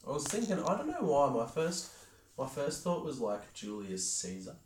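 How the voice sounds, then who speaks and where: A man's voice: mid-range voice, sing-song, moderate pace, roomy sound, far from the mic. A man chatting as a podcast guest, laid-back with short agreeing replies. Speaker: podcast guest, friend of host. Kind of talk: casual chat.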